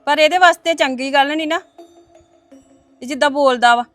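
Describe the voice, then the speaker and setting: A woman's voice: high-pitched, brisk, a bit bright, soft background music. A woman plays an offended neighbor who complains in an aggrieved tone. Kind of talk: family web series acting.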